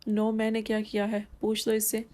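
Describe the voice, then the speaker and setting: A woman's voice: mid-range voice, completely flat delivery, dark tone, natural voice. Woman reading as a teasing mischievous young woman.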